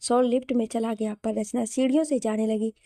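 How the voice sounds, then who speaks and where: A woman reading a romantic story aloud as a steady, scripted narration. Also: a little high, a little fast, no room sound, clean studio sound.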